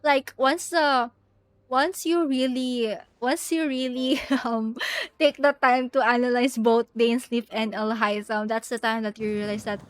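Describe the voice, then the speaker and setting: Over background game music, a woman livestreams a game and chats casually, musing aloud with hesitation and giggles. Her higher voice holds a steady tone at a measured pace, sounding smooth with no echo.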